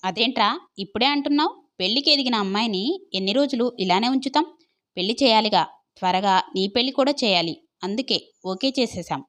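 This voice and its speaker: A woman's voice: a little high, animated, fast talker, a bit bright. A woman voicing a caring middle-aged mother who talks in a practical, reassuring way in an audio story.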